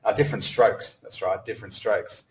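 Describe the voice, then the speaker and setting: A man's voice: on the low side, fairly even intonation, brisk, darkish tone, a little hiss or hum, rough recording. A middle-aged man from Australia giving a casual online presentation, rambling with lots of fillers and restarts. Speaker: webinar presenter. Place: home in Cambodia.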